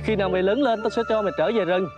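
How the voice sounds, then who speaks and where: A man's voice: sits high, very fast, muffled recording, over music, lightly acted. A man playing a kindly, fussy photographer in reformed opera, coaxing and scolding a baby monkey. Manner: coaxing, scolding, exclaims often. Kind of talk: reformed opera spoken dialogue.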